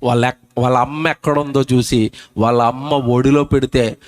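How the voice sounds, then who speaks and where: A man preaching a sermon at a public meeting, reading scripture slowly and pressing the crowd with repeated questions. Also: mid-range voice, steady tone. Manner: emphatic, asks the crowd repeated rhetorical questions; reads scripture slowly and deliberately. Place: outdoor public gospel meeting.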